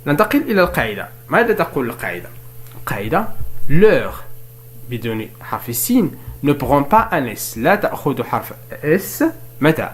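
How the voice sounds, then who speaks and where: Speaking a language other than French, this man teaches French spelling one step at a time, raising his own questions and answering them. He reads out examples slowly for dictation, in a fairly high, very animated voice.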